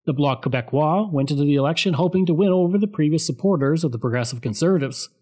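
A man giving a scripted, steady explanatory narration of political history. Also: a little high, fast.

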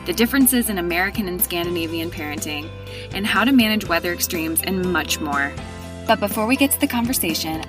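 A woman hosting a podcast, reading her intro and then interviewing a guest with earnest enthusiasm. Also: fairly low pitch. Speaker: podcast host.

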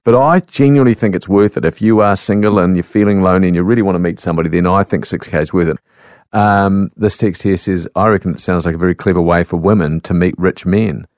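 Kiwi radio host in his 60s, low-pitched, dry close mic, quick to laugh. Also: no room sound. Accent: New Zealand. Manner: animated, laughs often, reads texts aloud. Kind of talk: talkback radio chat.

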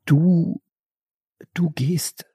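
A man playing a panicky, bossy husband hiding after a bank robbery, stammering and hushing in an improvised comedy sketch. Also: on the high side, steady tone, breathy edge, no echo, muffled recording, full character voice. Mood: scheming. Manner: hurried, stammering, hushed bossing.

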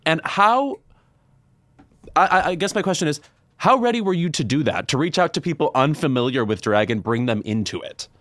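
A man co-hosting a podcast, interviewing casually with animated, rambling asides. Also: a little high, a little fast, dry recording. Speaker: podcast host.

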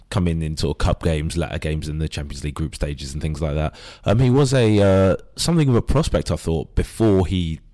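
Deep-voiced fast-talking male pundit. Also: darkish tone. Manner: hedging, full of fillers. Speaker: podcast panelist. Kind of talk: casual football chat.

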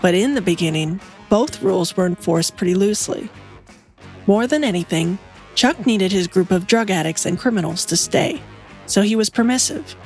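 A woman narrates a documentary podcast, telling the story in a measured, even way at an ordinary middle pitch. Music plays clearly underneath her.

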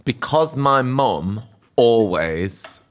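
A man's voice: mid-range voice, lively intonation, very slow. A man hosting a casual food chat, telling chatty, self-deprecating stories. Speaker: host.

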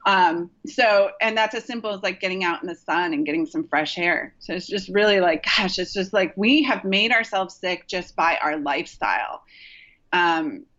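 A woman's voice: lowish voice, normal speed, a bit bright. Chatty woman acupuncturist, lo-fi sound. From Rochester, New York. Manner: chatty, rambling, frequent fillers and restarts. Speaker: acupuncturist guest. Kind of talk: casual podcast interview.

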